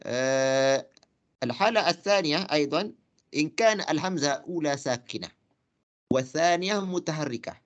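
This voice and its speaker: A man teaching Arabic grammar in a lecture. He talks haltingly, with many fillers, and repeats words slowly. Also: on the high side, expressive, dull audio. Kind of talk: classroom lecture.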